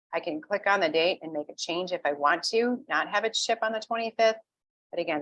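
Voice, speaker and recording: A woman with a low voice talks through an online ordering tutorial in a chatty, conversational way. She fills her sentences with "um" and keeps checking in with the listener. The sound is dry and close, with no room echo. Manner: chatty, filler-heavy, checks in with "okay?". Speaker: essential oil wellness advocate. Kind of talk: screen-share tutorial walkthrough.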